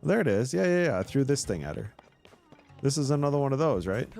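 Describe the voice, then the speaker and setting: Man, casual game commentary, wry and teasing, lively swooping pitch, faint music behind. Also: fast, vocal fry. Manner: playful, teasing, wry asides. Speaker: let's play host.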